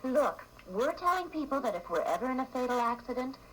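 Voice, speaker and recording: A woman's voice: high voice, sing-song, fairly quick, fairly bright tone, rough recording. A woman playing a soothing mother comforting her young son in an old TV public service ad. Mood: reassuring. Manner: soothing, reassuring. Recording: faint hiss of an old 1980s TV ad.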